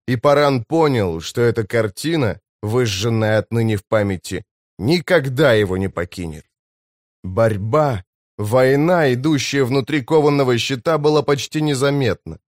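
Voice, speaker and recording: Man narrating a dark fantasy audiobook. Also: medium pitch, no room sound, studio quality. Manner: measured, dramatic reading. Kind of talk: scripted narration.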